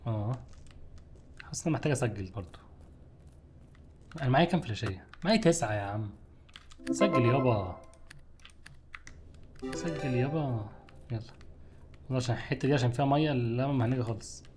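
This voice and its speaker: A young man with an Egyptian Arabic accent giving casual, jokey commentary while he streams a game, with loud outbursts at scares. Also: mid-range voice, very fast, long pauses, background noise. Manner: jokey, exclaims loudly at scares.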